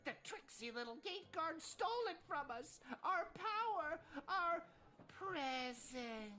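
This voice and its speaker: A woman voicing a small, excitable, possessive creature that squawks and repeats in a grasping way. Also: extremely high pitch, takes it slowly, exaggerated voice.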